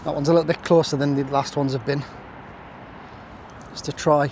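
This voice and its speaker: A man's voice: on the high side, little pitch movement, normal speed, darkish tone, a little hiss or hum. Chatty man, riverbank fishing vlog. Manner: chatty, jokey, self-mocking asides. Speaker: angling vlogger. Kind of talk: casual chat to camera while fishing. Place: outdoors on a windy riverbank. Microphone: camera on a stand, at times stepping away.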